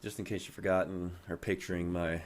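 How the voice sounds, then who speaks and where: A man's voice: deep voice, flat delivery, fairly quick, slight background noise. A man hosting a podcast, telling a long story in a loose, joking way with a lot of swearing. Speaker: podcast host. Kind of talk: casual storytelling.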